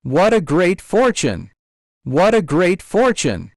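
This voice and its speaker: A bold young stone monkey, proud and joyful, crying out his words to the troop, as a male reader puts him on. The voice swings lively in pitch and sits a little high. It is recorded dry, with no room around it. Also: slow, vocal fry, no echo, exaggerated voice. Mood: excited. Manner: exclaims in repeated short cries.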